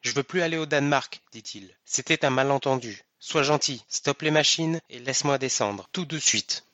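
A man's voice: mid-range voice, normal speed, sharp tone, no echo, muffled recording, lightly acted. A man reading aloud voices a nervous male poet begging to be let off. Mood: pleading.

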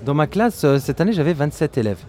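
A man's voice: on the high side, big pitch swings, quick pace, warm tone, soft background music. Easygoing male schoolteacher in podcast chat. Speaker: primary school teacher, podcast co-host. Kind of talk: casual conversation.

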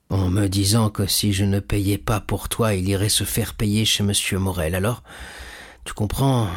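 A man reading an audiobook, voicing a frail, gentle elderly father who speaks in a weak, hushed, sighing way. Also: fairly low pitch, breathy edge, exaggerated voice. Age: older. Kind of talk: audiobook character voice.

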